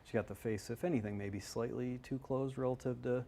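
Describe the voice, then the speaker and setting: A man's voice: mid-range voice, fairly even intonation, fairly quick, mellow. A man working as a golf instructor, explaining swings in a loose, conversational way on a live analysis show.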